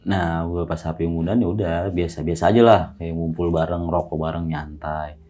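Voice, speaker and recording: A young man, telling a hiking story as a podcast guest in a relaxed, slangy way. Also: low voice, moderate pace. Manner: relaxed slangy retelling, often adds "Bang". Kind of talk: casual spoken storytelling.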